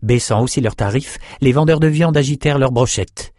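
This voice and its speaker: Male audiobook narrator, measured, dry close sound. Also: mid-range voice, a little mellow, no echo.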